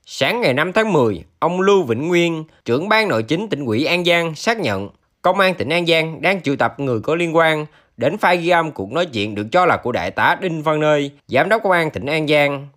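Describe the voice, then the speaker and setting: A man's voice: on the high side, animated, brisk, a bit bright. A man reading scripted news narration for an online channel in a formal manner.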